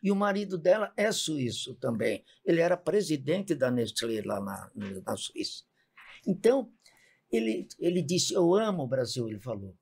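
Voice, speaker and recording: A woman's voice: sits low, moderate pace, breathy edge. A woman over one hundred, a podcast guest, telling a family story and acting out the dialogue. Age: 100s. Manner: lively, acts out quoted dialogue. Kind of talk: casual storytelling.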